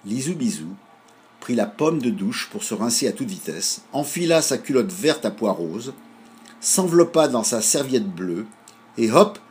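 Husky-voiced guy reading a kids' story, expressive, middle pitch.

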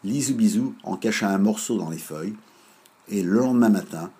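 Low-voiced man reading a children's story. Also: breathy edge. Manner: measured, lively narration.

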